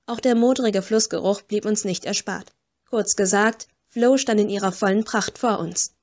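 A woman's voice: medium pitch, moderate pace, a little mellow. A woman giving scripted first-person audiobook narration in a dry, wry storytelling manner.

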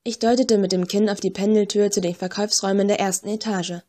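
A woman narrating a first-person audiobook with measured, tense storytelling. Her voice sits at a middle pitch for a woman. She reads steadily through the scene. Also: steady tone, warm tone.

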